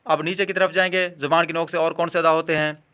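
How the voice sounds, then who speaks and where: A man with a Pakistani Urdu accent teaching pronunciation, patiently repeating each sound slowly and drawn out. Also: a little high, little pitch movement, bright, forceful tone, clear, resonant tone. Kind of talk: instructional demonstration.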